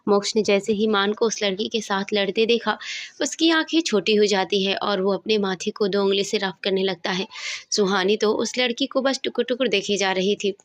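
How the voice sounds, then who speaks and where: A woman's voice: mid-range voice, moderate pace, no room sound. Woman narrating a Hindi romance story. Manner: steady storytelling voice, reading all parts.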